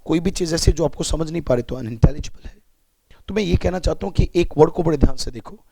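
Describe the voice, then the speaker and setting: A man's voice: a little high, quick pace, gravelly, mellow, dry recording. A man with an Indian accent teaching English vocabulary. He breaks words into parts and asks students to repeat after him. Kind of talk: vocabulary lesson.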